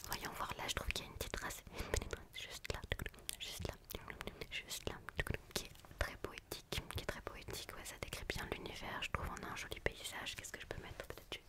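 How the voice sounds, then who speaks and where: A woman doing a whispered role-play as a gentle, quirky book therapist, in a hushed library whisper, softly repeating phrases to soothe. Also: normal speed. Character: quirky, gentle female book physiotherapist attending a patient. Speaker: ASMR performer playing a book therapist.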